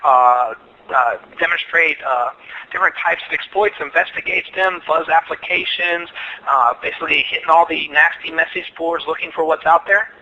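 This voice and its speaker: A man's voice: a little high, moderate pace, dull audio, background noise. A man, a security engineer, giving long, rambling technical answers during a webinar question session.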